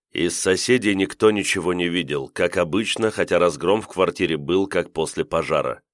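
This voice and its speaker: A man's voice: sits low, dry recording, clean studio sound. A man narrating a first-person audiobook in a terse, tense manner.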